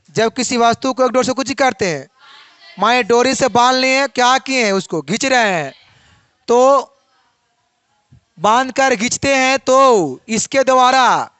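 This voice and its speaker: A young man teaches a physics lesson and keeps asking questions that he answers himself. His voice is very high and smooth. The recording is dry and close. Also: a bit bright, dry recording.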